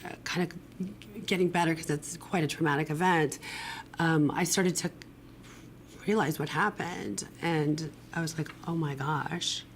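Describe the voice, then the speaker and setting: A low-voiced middle-aged woman with a pronounced smoker's rasp. She tells her personal story in a candid, conversational way as an interview guest. Faint noise sits behind her voice. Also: fairly even intonation, measured pace. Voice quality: raspy smoker's rasp from damaged vocal cords. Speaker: guest, acupuncturist and integrative medicine doctor. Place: broadcast studio.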